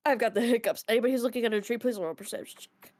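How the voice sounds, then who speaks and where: A woman's voice: fairly high pitch, rapid-fire, darkish tone, dry recording, clean studio sound. A woman running a tabletop game as game master, casual and full of fillers. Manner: casual, hesitant with many fillers.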